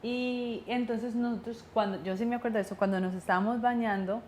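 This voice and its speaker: A woman's voice: on the high side, steady tone, a little fast, darkish tone. A young woman hosting a family chat, prompting and filling in her mother's story. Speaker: host, vlogger. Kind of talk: casual family conversation. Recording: echoey room with faint hum.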